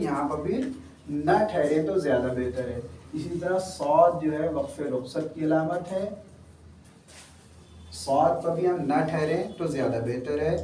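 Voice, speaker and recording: A man's voice: fairly high pitch, dark tone, slight background noise. A man teaching a class, explaining patiently and checking in with his listeners. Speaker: Quran recitation teacher. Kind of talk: classroom lecture. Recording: roomy echo from far off with faint ambience.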